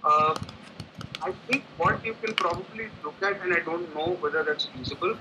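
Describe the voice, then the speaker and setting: A man's voice: a little high, moderate pace. A man giving a client testimonial, heard through a laptop speaker on a call, hesitant and thinking aloud with many restarts. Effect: voice coming through a laptop speaker on a call. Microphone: laptop on a remote call. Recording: muffled lo-fi call audio with background noise.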